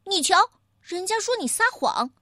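A woman's voice: very high voice, animated, normal speed, fairly bright tone, dry recording, studio quality, voice pushed up. A woman voicing a boastful young piglet who fancies himself a hero, in a children's story.

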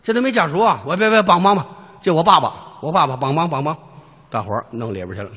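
Bright, husky comic in a hall. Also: male voice, on the high side, animated, fast talker. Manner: storytelling, playing a cab driver. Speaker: crosstalk comedian. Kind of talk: crosstalk comedy performance. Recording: reverberant hall.

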